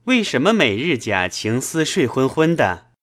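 A man's voice: mid-range voice, very animated, measured pace, a bit bright. A man reading as a playful young nobleman. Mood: teasing. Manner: teasing, light and bantering. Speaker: audiobook reader. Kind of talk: classical novel reading.

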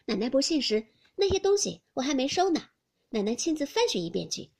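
A woman voicing a young maidservant who is sharp-tongued and teasing, speaking loud and playful. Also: high voice, very animated, a little fast, voice pushed up. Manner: playful scolding, loud and bright.

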